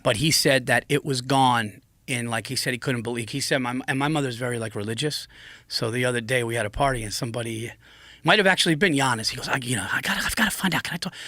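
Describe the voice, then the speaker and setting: A man's voice: medium pitch, fast talker, no echo. A man on a podcast telling a long story in a casual, profane way, acting out other people's lines as he goes. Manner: profane, animated, acts out quotes. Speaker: podcast guest.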